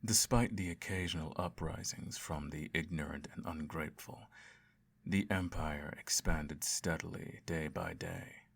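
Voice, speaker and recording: A deep, gravelly, husky-voiced man plays an emperor parent in a scripted audio roleplay of soft bedtime storytelling. He stays calm and measured, murmuring softly and dropping into whispers.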